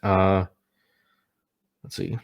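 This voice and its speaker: Tipsy guy w a deep voice doing a casual movie review, kinda stumbling over his words. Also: monotone, drawn-out words, gravelly.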